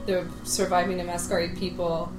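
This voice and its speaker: A woman player at a tabletop game, chatting casually with quick, playful interjections. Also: lowish voice, level tone, music in the background. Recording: echoey room.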